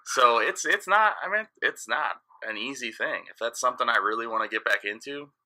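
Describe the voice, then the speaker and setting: A man's voice: medium pitch, animated, brisk, bright, forceful tone. A man in his thirties, a guest DJ, telling stories in a frank, rambling way in casual podcast chat. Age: 30s.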